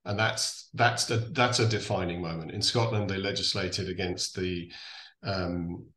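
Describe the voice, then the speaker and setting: An Irish man from Donegal explaining things in a conversational interview, thoughtful and halting, often restarting and correcting himself. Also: low voice, steady tone, pushed and bright. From Donegal, Ireland. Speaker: interview guest, distillery founder. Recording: echoey room sound.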